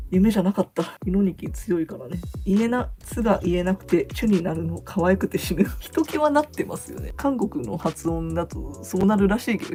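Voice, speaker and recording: A woman vlogger who reads out short fan notes, comments on each one and gushes excitedly, laughing often. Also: mid-range voice. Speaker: vlogger reading fan reports. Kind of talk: casual fan chat.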